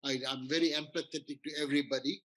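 Earnest doctor, slightly high male voice. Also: steady tone, quick pace, fairly bright tone, poor audio. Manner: earnest, explaining with many restarts. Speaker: doctor giving weight-loss advice. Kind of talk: informal health talk.

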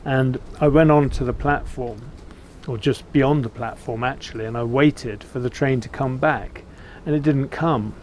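Older english guy vlogging outside, chatty n unhurried, medium pitch, bit of background noise. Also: darkish tone. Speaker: vlog host. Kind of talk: casual chat to camera, recounting a trip. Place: outdoors, seated beside a narrowboat. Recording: clear outdoor ambient noise.

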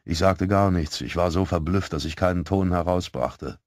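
Low-voiced man narrating an audiobook. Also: no echo, studio quality. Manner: calm, measured storytelling. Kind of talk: first-person audiobook narration.

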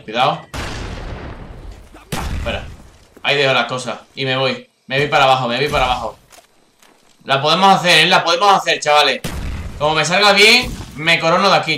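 Bright-voiced Castilian gamer yelping. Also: male voice, fairly quick, pauses often, echoey room, a little hiss or hum. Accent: Castilian Spanish. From Spain. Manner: swears a lot, bursts into high yelps at kills and misses. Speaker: gaming youtuber. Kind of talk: live gameplay commentary.

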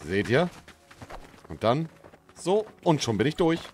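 A man in his thirties doing casual live gaming commentary into a close mic, with slangy swearing and frustrated exclamations, swinging between muttering and shouting. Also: mid-range voice, sing-song, takes it slowly, slight background noise. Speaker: livestreamer playing a video game. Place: small dim indoor streaming room. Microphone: close studio microphone on arm, headset.

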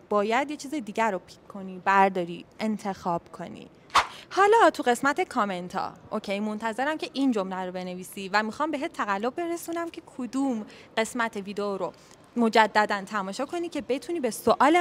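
A woman's voice: mid-range voice, a little hiss or hum. A young woman from Iran, an English teacher giving a casual video lesson, chatty and often checking in with "okay?". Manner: chatty, repeats "okay?" often, switches between Persian and English. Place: office with colleagues leaving.

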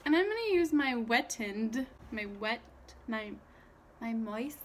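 Giggly tipsy high-voiced young woman. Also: very animated, takes it slowly. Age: 20s. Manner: brash, sweary. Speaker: makeup vlogger. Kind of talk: casual chat while doing makeup. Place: small room at home, indoors. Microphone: built-in camera mic at arm's length. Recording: noisy home webcam-style recording.

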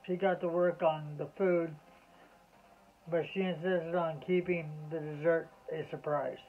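A man reading a children's bedtime story aloud in a slow, measured way. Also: on the high side, little pitch movement, slight background noise. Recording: tinny lo-fi phone-like audio.

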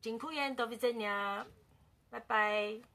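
A woman teaching a beginner language lesson in a casual way, repeating words slowly for her learners. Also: a little high, pushed and bright.

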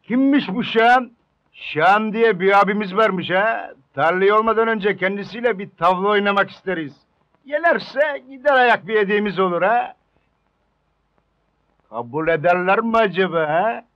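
A man's voice: high voice, normal speed, a bit bright, dull audio. An actor playing a cocky, swaggering neighbourhood tough guy in a comedy film. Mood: cocky, challenging. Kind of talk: Turkish comedy film acting.

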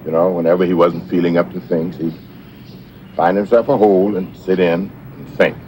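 Brief: male actor as an older, wise film grandfather, very deep, gentle and steady, outdoors with faint ambience. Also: normal speed, slight background noise, lightly acted. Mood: gently counselling. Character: wise, patient old grandfather in a film drama. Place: outdoors by a porch.

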